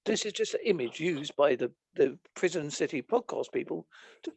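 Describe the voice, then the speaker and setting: A man's voice: fairly high pitch, expressive, moderate pace, vocal fry, darkish tone, husky, no echo. A British man chatting as a podcast guest, joking and sarcastic. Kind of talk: casual chat.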